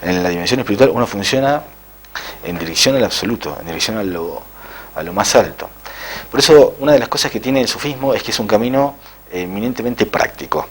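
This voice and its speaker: Husky-voiced man telling a spiritual tale. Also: fairly low pitch, animated. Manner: halting, with frequent "eh" fillers. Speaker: interviewed author. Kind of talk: spiritual storytelling in an interview.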